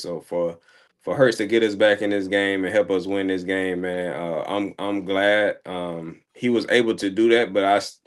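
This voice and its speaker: A man co-hosting a sports show, casually recapping a football game in a rambling, slangy way, his throat slightly hoarse. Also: fairly low pitch. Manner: rambling, slangy, repeats words and fillers.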